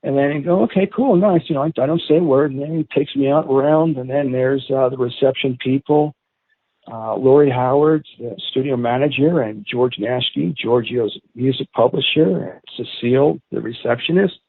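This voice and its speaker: Husky-voiced man on a tinny phone line. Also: medium pitch, normal speed. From Atlantic City, US. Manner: animated, rambling storyteller who acts out quotes. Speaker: guest. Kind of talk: storytelling in a podcast interview.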